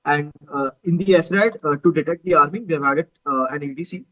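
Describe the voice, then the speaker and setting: A hesitant young man from India explains a technical design, filling pauses with many fillers and sitting a little high in pitch. His volume is uneven, swelling and sinking as it cuts in and out. The audio comes through a dull, muffled, garbled video call. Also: dry recording. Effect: uneven volume, cutting in and out. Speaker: student rocket team member.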